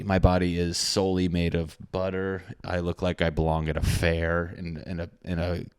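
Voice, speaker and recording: A man's voice: low-pitched, clear, resonant tone, no echo. A man in his thirties hosting a solo podcast, talking in a rambling, crude, self-mocking way. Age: 30s. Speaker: podcast host. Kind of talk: casual solo podcast monologue.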